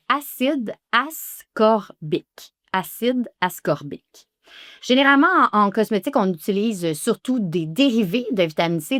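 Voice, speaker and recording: Slow, lively Québécois woman coach. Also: mid-range voice, no echo, studio quality. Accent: Québécois French. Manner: slow, careful, repeats each word syllable by syllable. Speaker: esthetics coach. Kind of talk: pronunciation lesson.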